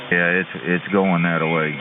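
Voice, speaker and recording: A man's voice: low-pitched, flat delivery, measured pace. A man acting as net control on an amateur radio net, heard over a two-way radio link as he calls for check-ins. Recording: tinny, distant radio signal with chatter behind.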